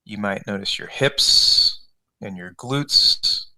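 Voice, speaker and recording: Speaking slowly in a lowish voice, a male coach guides a meditation, giving step-by-step, off-the-cuff instructions and softly repeating them.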